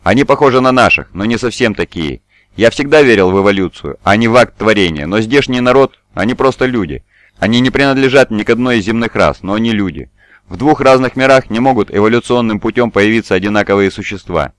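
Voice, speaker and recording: A man's voice: fairly low pitch, fast, no room sound, close to an everyday voice. A man doing an anxious, pleading grown man. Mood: arguing earnestly.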